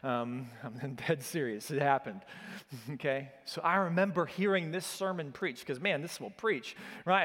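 A middle-aged man from Oklahoma, preaching a sermon as an animated storyteller whose energy rises as he gets excited. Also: on the high side. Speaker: pastor. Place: church hall. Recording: long reverb of a church hall.

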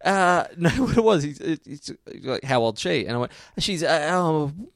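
A man's voice: on the high side, expressive, normal speed, dry recording, clean studio sound. A man in his twenties co-hosting a podcast in casual chat, telling stories that ramble and correct themselves. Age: 20s. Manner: rambling, self-correcting storyteller. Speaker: podcast co-host.

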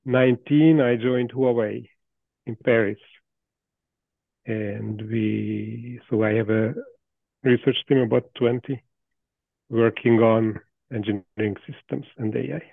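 A man in his fifties from Hungary, speaking English with a Hungarian accent over a tinny, phone-like line. The sound is dry and close, with no room around it. He talks in a thoughtful, halting way, restarting phrases and laughing softly. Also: mid-range voice, fairly even intonation, creaky, no room sound. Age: 50s. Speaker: AI researcher, guest. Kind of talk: casual interview talk. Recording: dry tinny call audio.

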